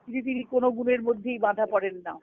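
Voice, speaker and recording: Over a tinny, narrowband conference call line, a woman with a fairly high voice gives a quick-paced devotional lecture on scripture. A spiritual discourse speaker, she teaches by repeating key phrases and answering her own questions.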